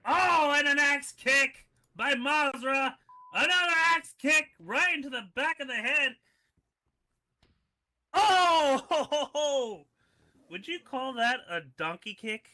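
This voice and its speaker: A man doing play-by-play as a wrestling commentator in an excitable, exclamatory way. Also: very high-pitched, unhurried. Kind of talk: wrestling commentator calling moves.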